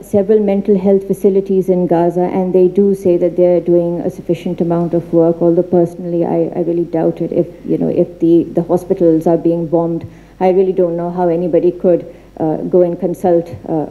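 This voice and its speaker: A woman giving an earnest seminar talk in an institute library, halting often with fillers and restarts. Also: fairly low pitch, flat delivery, dark tone, low-quality recording. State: becoming emotional. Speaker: seminar speaker. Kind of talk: formal seminar talk with slides.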